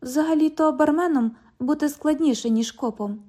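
Sarcastic twenty-year-old girl at a bank till, pitched up and mocking, warm tone; voiced by a woman audiobook reader. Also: normal speed, lightly acted. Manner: mocking, cheeky, parrots the other speaker. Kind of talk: audiobook dialogue reading.

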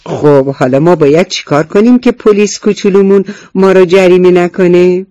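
A man's voice: sits high, mellow, clean tone, dry recording, highs cut off, pitched above the performer's own voice, lightly acted. A man voicing a good-humored father who teases his young son, in a storybook reading. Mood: teasing. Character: playful, indulgent father of a young boy.

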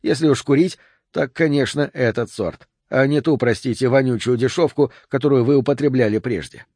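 A man's voice: medium pitch, fairly quick, slightly rough, no echo, clean studio sound, natural voice. A man doing a lilting, urbane Southern agent. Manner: calm, courteous, lilting. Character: calm refined male federal agent, urbane and ironic. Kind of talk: audiobook character voice.

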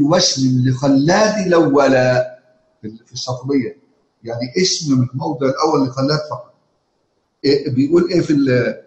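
A man with an Egyptian Arabic accent teaching a live class on Quran readings. He explains in casual speech, stops often on filler sounds, and chants quoted verses slowly. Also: medium pitch, reverberant, poor audio. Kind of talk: live lesson to students.

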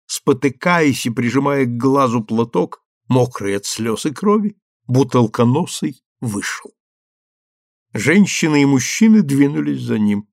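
A man's voice: mid-range voice, lively intonation, measured pace, vocal fry, no room sound, studio quality. A man narrating a literary audiobook, livening up the dialogue with character voices. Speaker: audiobook reader.

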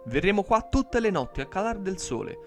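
Male reader voicing a ravenous demon horde for a storybook reading, high shrill shouts, loud and gloating. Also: normal speed, faint music behind, lightly acted. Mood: menacing. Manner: shouting, greedy and menacing.

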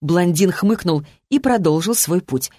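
A man narrating an audiobook in a steady, even storytelling manner. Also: sits high, a little slow, dry recording, studio quality. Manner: steady, even storytelling with lightly voiced dialogue. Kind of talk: scripted narration.

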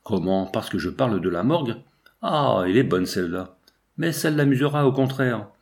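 A man's voice: mid-range voice, lively intonation, natural voice. A man reading a brash young male art student who rambles on without stopping. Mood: indignant. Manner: rapid, unstoppable rambling.

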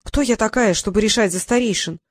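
A woman's voice: medium pitch, fairly quick, dry recording, natural voice. A woman voicing a fervent, loyal female gnome who speaks with passion in an audiobook. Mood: earnest. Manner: fervent, loud.

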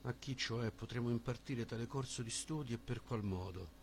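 A man reading a philosophical dialogue as an audiobook, with slow, deliberate phrasing. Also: medium pitch, creaky, slight background noise. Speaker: audiobook reader.

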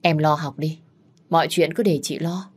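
A woman's voice: sits low, fairly even intonation, moderate pace, slightly rough. A woman voicing a responsible young elder daughter who steadily reassures her family. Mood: resolute. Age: young adult.

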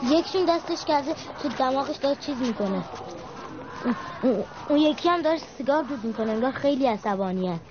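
An actress playing an excited young woman reporting what she sees, in dubbed film dialogue. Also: sits high. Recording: dull film soundtrack with noise.

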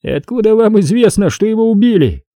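A man voicing a high, mocking cop. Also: animated, fairly quick, dark tone, no room sound. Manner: mocking, teasing interjections. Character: sardonic, needling male police officer, smoker.

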